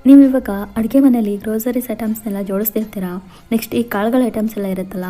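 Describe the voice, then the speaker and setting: A woman's voice: medium pitch, mellow. A woman narrating a fan fiction voiceover in the second person, in a chatty storytelling manner.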